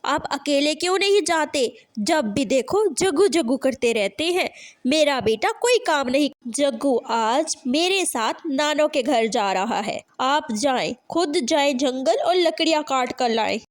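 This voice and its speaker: A woman's voice: high voice, lively intonation, unhurried, no room sound. A woman voicing a doting mother crow who spoils her son and scolds sharply in a cartoon.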